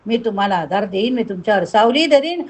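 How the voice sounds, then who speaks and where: A woman reading as a gentle eldest brother. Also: mid-range voice, lively intonation, fairly quick, natural voice. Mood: reassuring. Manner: soothing, reassuring. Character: gentle eldest brother, a young man comforting his siblings.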